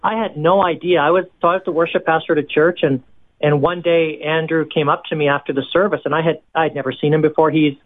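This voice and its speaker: Chatty man from Canada on a phone line. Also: on the high side. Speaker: worship pastor, songwriter. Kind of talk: interview guest, casual storytelling.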